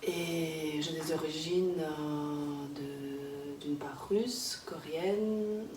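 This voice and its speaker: A woman in her thirties from Kazakhstan talks casually in an interview, pausing often and restarting her sentences. Her voice sits a little low. The sound is roomy and distant, with faint noise behind her. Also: steady tone. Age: 30s. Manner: hesitant, many fillers and restarts. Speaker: interviewee, early childhood worker. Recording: echoey room, distant mic, background noise.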